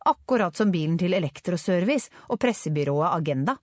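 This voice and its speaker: Lively woman audiobook narrator. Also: on the low side, no echo, clean studio sound. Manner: expressive storytelling. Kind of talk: scripted narration.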